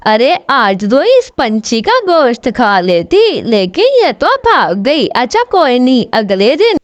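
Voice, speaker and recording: A woman's voice: sits high, very animated, takes it slowly, no room sound, lo-fi sound, heavily acted. A woman voicing a scheming, hungry female kite who pretends to be friendly, with whiny sobbing pleas and sly muttering. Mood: greedy. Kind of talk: storybook cartoon voice acting.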